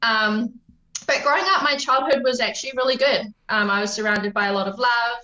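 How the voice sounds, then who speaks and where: A woman's voice: fairly high pitch, brisk, bright, forceful tone. A woman in her twenties with a New Zealand accent, chatting as a podcast guest, full of ums and easy laughs. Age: 20s. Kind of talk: casual interview chat. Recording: roomy, dull lo-fi remote line.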